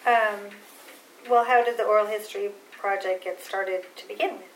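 A woman's voice: mid-range voice, fairly even intonation, moderate pace, slight background noise, poor audio. A woman interviewer reading out prepared questions for a recorded interview.

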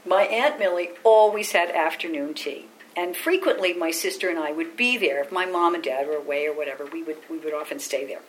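An older woman with a fairly low voice recounts family stories for an interview, animated and anecdotal. She slips into little voices for the people she quotes. Faint background noise sits under her voice. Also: a little fast, hardly any pauses, low-quality recording. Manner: warm, lively anecdotes with quoted voices and laughter. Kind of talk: oral history storytelling.

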